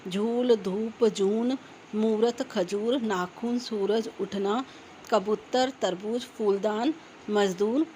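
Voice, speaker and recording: A woman teaching a young children's class, slowly spelling out words sound by sound as she reads from a textbook. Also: medium pitch, a little mellow, slight background noise, poor audio. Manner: slow, careful spelling out of sounds for young pupils. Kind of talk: reading a children's textbook lesson aloud.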